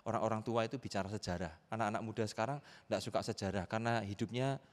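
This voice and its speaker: A middle-aged man, a pastor preaching and telling a personal story in a lively way, acting out his family members' voices. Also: on the low side, fast talker. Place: church sanctuary. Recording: reverberant church hall.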